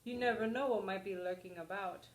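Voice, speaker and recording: A woman voicing a sly, greedy male wolf from a storybook, falsely courteous and smooth-talking. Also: mid-range voice, a little fast, roomy sound, lightly acted. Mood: charming, sly. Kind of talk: storybook read-aloud character voice.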